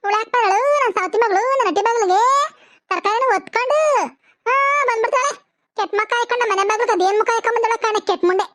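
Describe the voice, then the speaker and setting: A woman's voice: very high-pitched, quick pace, a bit bright, no room sound, clean studio sound. Woman doing a foul-mouthed village mother. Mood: spiteful. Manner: abusive, quarrelsome. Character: sharp-tongued older village mother. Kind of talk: cartoon voice acting.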